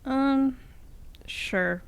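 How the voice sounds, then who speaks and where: A young woman co-hosting a casual chat show, speaking slowly, with a bit of vocal fry. She giggles easily and gets flustered when teased. Her voice sounds close and dry. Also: sits high, dry recording. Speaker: co-host.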